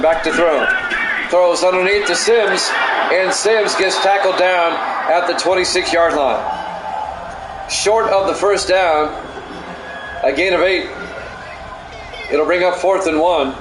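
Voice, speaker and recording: This is simulated football play-by-play from a middle-aged stream host whose voice runs somewhat high. His calls are measured and matter-of-fact, sprinkled with casual asides, and the room sounds echoey with constant noise in the background.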